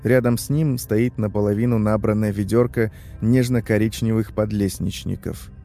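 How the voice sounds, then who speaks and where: A man narrating a first-person horror story in a tense, measured way. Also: on the low side, fairly even intonation, creaky, dark tone, soft background music.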